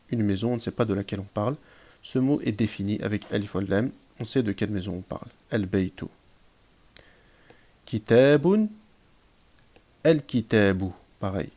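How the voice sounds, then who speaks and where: A man's voice: fairly low pitch, dark tone. A man teaching an Arabic grammar lesson, patiently repeating examples and checking in with his listeners.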